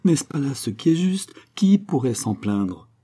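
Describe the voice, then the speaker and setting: A man's voice: medium pitch, normal speed, dark tone, slightly rough, natural voice. A man voicing an earnest young girl who speaks in a timid, tremulous, pleading way, in an audiobook.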